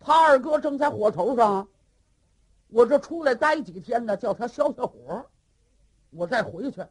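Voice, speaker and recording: A storyteller voicing a boastful but embarrassed male bandit who rambles and pleads in a husky voice. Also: medium pitch, animated, normal speed. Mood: sheepish. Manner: rambling, self-pitying. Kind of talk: traditional storytelling.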